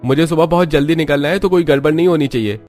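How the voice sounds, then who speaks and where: A man voicing a short-tempered young husband who talks in an irritable, shouting way. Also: on the high side, fast, faint music behind, voice pushed up, close to an everyday voice. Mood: bossy. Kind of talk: cartoon story voice acting.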